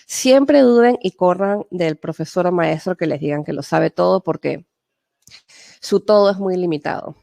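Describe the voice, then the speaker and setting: A woman's voice: on the low side, moderate pace, vocal fry, dark tone, dry recording. A woman from Peru with a Peruvian Spanish accent, giving a webinar lecture on interpreting in a conversational way, full of fillers and tag questions. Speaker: medical interpreter and webinar speaker.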